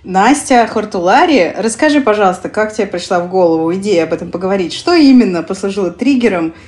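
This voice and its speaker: A woman in her thirties, a podcast co-host asking measured questions in casual chat. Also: mid-range voice, lively intonation, darkish tone. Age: 30s.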